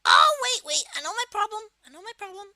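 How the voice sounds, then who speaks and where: A person voicing a bratty male cartoon Koopa creature, giving a casual, unscripted software tutorial in a halting, self-correcting way. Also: extremely high pitch, wildly swooping pitch, no room sound, exaggerated voice. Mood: explaining, halting. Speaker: tutorial host.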